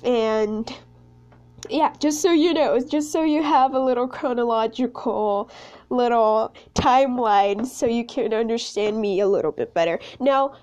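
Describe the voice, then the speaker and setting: At a measured pace, a sixteen-year-old Brazilian girl who speaks Portuguese rambles chattily and self-consciously while hosting her own podcast. Her voice is on the high side, with a darkish tone.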